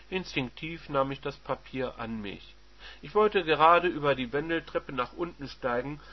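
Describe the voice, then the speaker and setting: A man reading a first-person story aloud in a wry, measured narrating voice, on a dull lo-fi recording. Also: medium pitch. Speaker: audiobook narrator.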